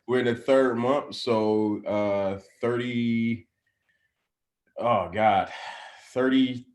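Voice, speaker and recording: A man in his thirties talking in a casual group discussion, halting and restarting often, with fillers and easy laughs. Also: mid-range voice, fairly even intonation, darkish tone. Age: 30s. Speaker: class participant.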